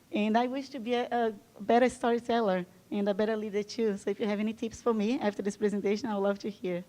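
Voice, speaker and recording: A Brazilian woman whose first language is Portuguese is the guest speaker at a conference, addressing a live audience in an event room. Her mid-range voice is mellow, and she talks enthusiastically and chattily, using frequent fillers.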